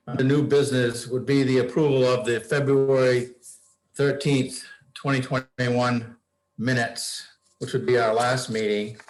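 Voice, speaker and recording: A man chairing a board meeting in a formal, measured, procedural way. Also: medium pitch. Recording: echoey room sound.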